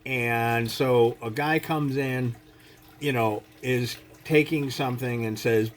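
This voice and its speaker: A man's voice: medium pitch, steady tone, slow pace, slight background noise. Blunt, conversational male instructor. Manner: blunt and conversational, with frequent "you know" and "okay?"; swears casually. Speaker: self-defense instructor. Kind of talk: casual spoken lecture.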